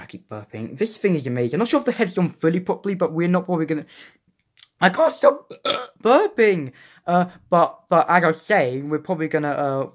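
Young male toy vlogger, slightly higher voice, chatty and excitable, lots of restarts. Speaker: toy reviewer. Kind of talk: casual unboxing vlog.

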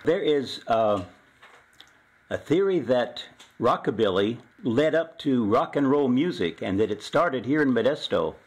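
A man's voice: medium pitch, lively intonation, unhurried, breathy edge. A man asking casual interview questions, speaking from off the microphone.

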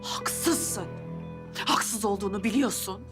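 A woman's voice: medium pitch, slow pace, over music, natural voice. An actress playing a middle-aged mother sharply scolding her daughter. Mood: stern.

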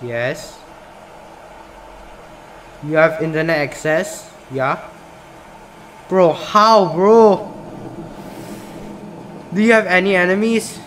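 Speaking in a high voice, he draws out his words and pauses often, his tone fairly bright. The young Singaporean man is a gaming YouTuber reading a game's questions aloud on camera and reacting casually, frequently saying "bro," from a small indoor room. The recording is low quality, with a little hiss or hum.

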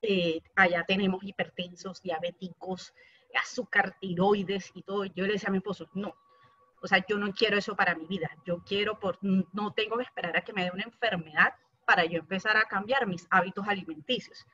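A woman's voice: mid-range voice, brisk, slightly rough, lo-fi sound. Chatty woman on a video call. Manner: talkative, animated storytelling. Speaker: participant giving a testimony. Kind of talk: casual video-call testimony.

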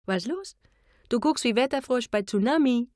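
A slight, good-natured Vietnamese cook, as a woman reader puts him on, pitched higher and much louder than her narration. He talks in clipped, broken grammar, each phrase punched out with cheerful force. A storybook figure read in a dry, close studio. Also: expressive, moderate pace, no echo, lightly acted. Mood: teasing.

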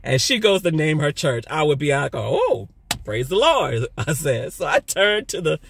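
Loud, animated middle-aged man. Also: a little high, normal speed, creaky, slight background noise. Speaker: churchgoer sharing a testimony. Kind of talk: casual spoken testimony.

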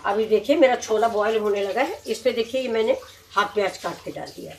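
A woman's voice: mid-range voice, fairly quick. A woman hosting a home cooking demonstration, chatting to viewers and explaining each step. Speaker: cooking channel host. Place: home kitchen with tiled walls. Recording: echoey kitchen with noise.

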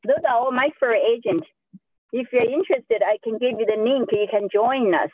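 Speaking over a group video call, a real estate agent offers motivational advice in an emphatic, self-affirming way. She is a native Sichuanese speaker with a Sichuan Chinese accent, and her slightly high voice has a breathy edge at normal speed. The narrow-band call audio sounds dry.

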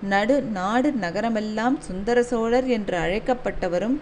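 A woman's voice: medium pitch, measured pace, a little mellow, a little hiss or hum. Woman narrating a historical novel. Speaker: audiobook narrator. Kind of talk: reading a historical novel aloud.

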